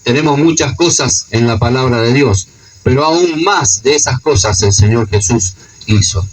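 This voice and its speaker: A man's voice: medium pitch, normal speed, breathy edge, far from the mic, poor audio. A man with a Rioplatense accent preaching a sermon. He retells scripture stories and often adds a questioning "no?". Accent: Rioplatense Spanish.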